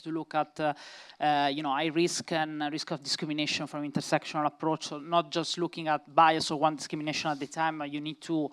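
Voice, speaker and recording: A woman's voice: low-pitched, clear, resonant tone. A woman with an Italian accent speaking as an activist on a panel, hesitant with many fillers, at times reading legal text aloud. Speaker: panelist, gender equality activist. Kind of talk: panel discussion.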